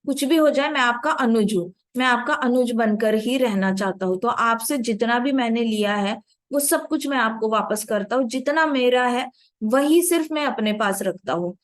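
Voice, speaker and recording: A woman voicing a humble, determined young king who speaks calmly and earnestly, in a storybook retelling. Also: on the high side, moderate pace, no echo, clean studio sound, natural voice.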